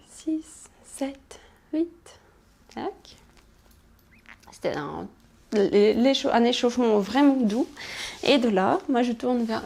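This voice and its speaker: A woman instructor calmly guiding a pilates class, cueing movements and counting, with soft whispered asides. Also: fairly high pitch, creaky. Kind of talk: guided exercise class instruction.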